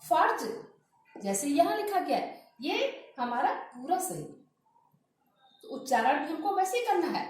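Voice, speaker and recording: A woman teaching a grammar lesson, slowly drilling pronunciation by repeating example words. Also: high-pitched, very animated, darkish tone. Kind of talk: classroom lesson with spoken examples. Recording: very echoey room.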